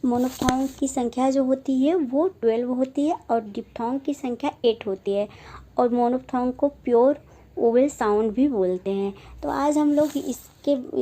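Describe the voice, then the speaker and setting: Mellow-voiced woman teaching a phonetics lesson. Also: high-pitched. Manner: slow, repetitive, says each example word aloud. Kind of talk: phonetics lesson explained in Hindi.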